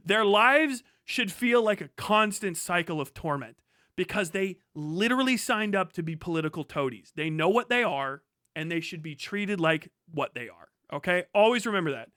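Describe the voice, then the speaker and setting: A man with a fairly high, very bright, forceful voice is recorded dry and close with no room sound, speaking at a moderate pace with lively intonation. Like a live streamer reading news aloud, he gives casual, opinionated commentary in a blunt, emphatic style with plenty of swearing.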